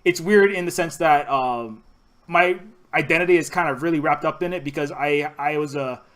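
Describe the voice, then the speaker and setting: A man from Hawaii hosting a podcast in casual chat, talking in a halting, rambling way with many restarts. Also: a little high, a bit bright. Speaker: podcast host.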